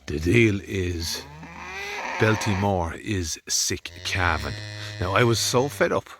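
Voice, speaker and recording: A man's voice: low-pitched, slow pace, background noise. A man with an Irish accent, a farmer chatting casually outdoors in a field, rambling and grumbling as he films on a handheld phone. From Ireland. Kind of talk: casual vlog narration. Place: outdoors on a farm field, in the rain.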